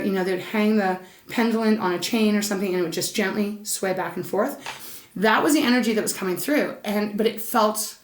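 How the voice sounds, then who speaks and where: In an echoey room, a woman with a medium-pitched voice does a casual tarot reading. She sounds a little scratchy and stuffed up, and she stays chatty and soothing, calling the listener "Saggy."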